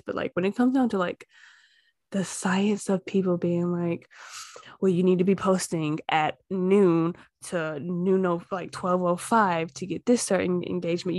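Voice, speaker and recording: A woman's voice: on the low side, a little mellow, no echo, studio quality. A woman, a mother of two and the guest, chatting casually in a rambling, storytelling way. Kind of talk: casual chat.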